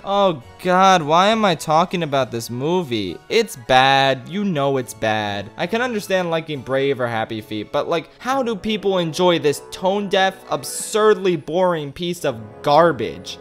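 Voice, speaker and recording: Animated, sarcastic male movie reviewer. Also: on the high side. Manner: sarcastic, animated, exasperated asides. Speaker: video essay host. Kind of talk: comedic movie review narration.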